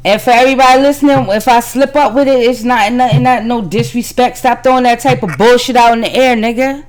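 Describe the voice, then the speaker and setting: A woman's voice: on the high side, fairly quick. A woman co-hosting a podcast in casual, heated chat, arguing in profane slang. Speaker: podcast co-host.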